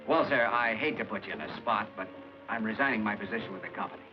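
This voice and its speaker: An actor playing a stubborn, guilt-ridden man in a 1950s film, talking quietly and with restraint. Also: lowish voice, fast talker, close to an everyday voice. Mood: polite. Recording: dull old film soundtrack with music.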